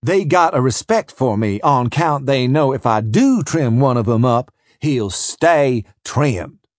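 A man's voice: mid-range voice, expressive, slow, dry recording, clean studio sound. Man doing a bragging trader. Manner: blunt, bragging, folksy. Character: hard-bitten Southern slave trader, proud man.

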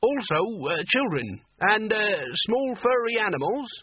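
A man's voice: high-pitched, big pitch swings, a little slow, pitched above the performer's own voice. Man doing a jittery polite young hero, raised voice, stammering, tinny dry sound. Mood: nervous, polite. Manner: hesitant, stammering, desperate. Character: nervous, overly polite young male hero. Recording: tinny, dry, narrow-band audio.

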